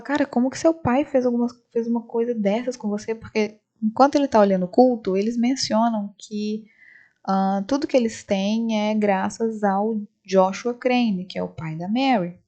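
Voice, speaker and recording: At home just after the cinema, a film reviewer casually recounts a movie scene by scene for her channel, performing the characters' lines along the way. Her voice is a little high with a dark tone, and the lo-fi recording sounds slightly dull.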